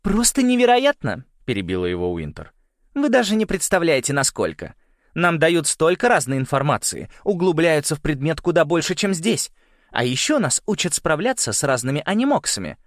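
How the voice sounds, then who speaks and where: A man's voice: mid-range voice, wildly swooping pitch, fast, few pauses, no room sound, clean studio sound, pitched above the performer's own voice. A man voicing a proud, assertive schoolgirl in a storybook. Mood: boastful.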